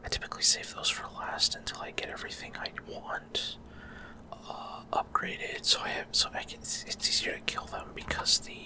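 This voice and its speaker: A man whispers soft, unvoiced ASMR commentary over a game he's playing. He sounds hesitant and unhurried, letting his thoughts trail off into pauses.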